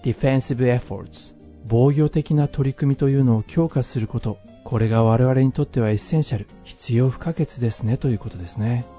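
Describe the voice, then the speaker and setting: A man hosting a podcast, calmly explaining English phrases for learners and signing off politely. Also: medium pitch, moderate pace. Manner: calm, explanatory, adds polite sign-offs. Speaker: podcast host, English teacher. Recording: dull lo-fi audio, faint music.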